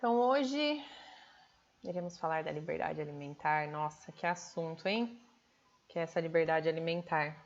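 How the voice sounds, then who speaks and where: A woman with a Brazilian Portuguese accent hosting a live stream, chatting casually and talking quickly. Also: low-pitched, lo-fi sound. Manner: fast, hurried talker.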